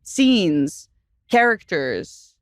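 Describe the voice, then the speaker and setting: A woman's voice: fairly low pitch, big pitch swings, very slow, no room sound, studio quality. A woman in her thirties co-hosting a podcast, chatty and teasing in casual conversation. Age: 30s. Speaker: podcast co-host; actress. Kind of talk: casual chat.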